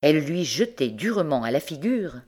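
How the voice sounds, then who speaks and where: A woman narrating a literary story in a measured, expressive way. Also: deep voice, slightly rough. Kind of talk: audiobook narration.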